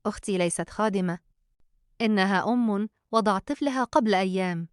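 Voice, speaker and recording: A woman voicing a caring, protective sister who speaks calmly and gently. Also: mid-range voice, fairly quick, clear, resonant tone, no room sound, clean studio sound, natural voice. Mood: gentle, concerned. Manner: calm and gentle.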